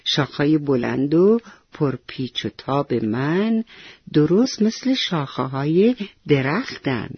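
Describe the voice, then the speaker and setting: Gentle kindly stag told by a storyteller. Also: mid-range voice, lively intonation, breathy edge, no room sound, muffled recording. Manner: gentle, patient. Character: kind calm male deer with tall antlers.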